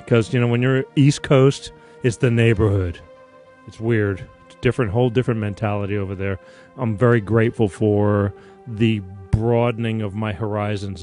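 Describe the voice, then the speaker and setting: A man's voice: fairly low pitch, darkish tone. A man from Connecticut hosting a live-streamed talk show, rambling from one point to the next with casual swearing. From Connecticut, USA. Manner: rambling, digressive, with frequent restarts and casual swearing.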